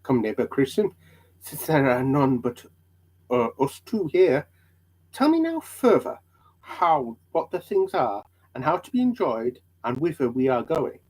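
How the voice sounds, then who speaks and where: A man playing an eager, credulous, curious traveller with hammy, excitable stage delivery in a dramatic storybook reading. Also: medium pitch, unhurried, low-quality recording. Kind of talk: dramatic reading of old allegory.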